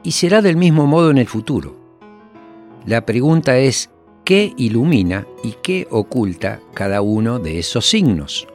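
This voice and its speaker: A man's voice: mid-range voice, very animated, darkish tone. Male narrator, scripted and reflective, faint music bed underneath. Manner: measured, reflective, rhetorical questions. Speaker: documentary narrator.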